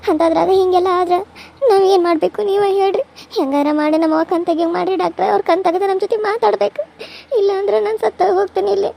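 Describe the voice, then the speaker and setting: A performer doing a young daughter, sobbing and pleading, very high voice, gravelly creak, cartoon serial. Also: flat delivery, fast talker, darkish tone. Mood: tearful plea. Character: grieving young daughter, tearful.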